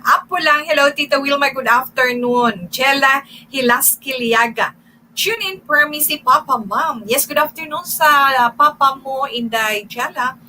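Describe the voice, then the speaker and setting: A woman with a Hiligaynon accent hosts a radio program, reading listeners' greetings in a chatty, meandering way. Her voice sits a little high and sounds bright and forward. A faint hum of noise stays under the studio recording. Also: rough recording. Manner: chatty, reads names with pauses and fillers. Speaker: radio host.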